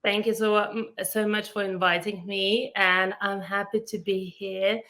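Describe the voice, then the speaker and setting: A woman from Lithuania with a Lithuanian accent, speaking earnestly as an interview guest, pausing often with fillers. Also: mid-range voice, little pitch movement, a bit bright. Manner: earnest, hesitant with frequent fillers. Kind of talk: casual interview.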